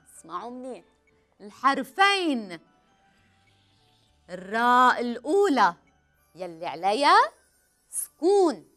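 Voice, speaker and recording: A woman with a Levantine Arabic accent, a teacher giving a children's language lesson. She stretches words out slowly and keeps quizzing her viewers. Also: high-pitched, fairly bright tone.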